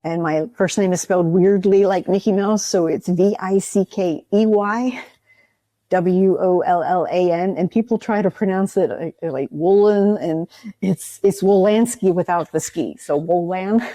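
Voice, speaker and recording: A woman's voice: lowish voice, a little slow, warm tone, no room sound. A woman author speaking as an interview guest, rambling and explaining at length. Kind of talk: casual interview chat.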